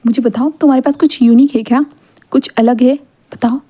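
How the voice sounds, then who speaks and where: A woman's voice: on the high side, fairly even intonation, a little fast, mellow, lightly acted. A woman voicing a playful, pushy young man teasing his husband, in a storybook reading.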